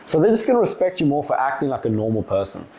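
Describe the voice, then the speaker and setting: Young male business vlogger, twenties, warm relaxed tone, easygoing, filler-heavy delivery. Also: mid-range voice, quick pace. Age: 20s. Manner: loose and chatty, lots of "like", acts out little dialogues. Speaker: agency owner giving business advice. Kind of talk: casual talking-head Q&A.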